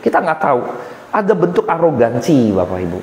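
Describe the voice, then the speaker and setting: A man preaching a sermon as an evangelist, casual and animated, slipping into slang. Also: on the high side, a little fast. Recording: echoey hall reverb.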